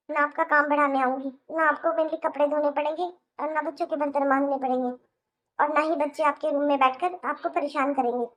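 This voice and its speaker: A woman's voice: sits high, close to an everyday voice. A woman voicing a sulky young married sister in a cartoon, complaining in an aggrieved way with a Hindi accent. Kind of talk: cartoon voice acting.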